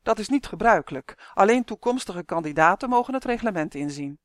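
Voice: mid-range voice, animated, fairly quick, no echo, clean studio sound, close to an everyday voice. A reader voicing a smug rule-bound monster. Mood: smug, pedantic. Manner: fussy, bureaucratic, self-satisfied.

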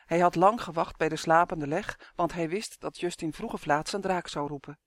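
A narrator reading a children's fantasy story in a steady, measured way. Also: mid-range voice, dry recording, studio quality. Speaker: audiobook narrator.

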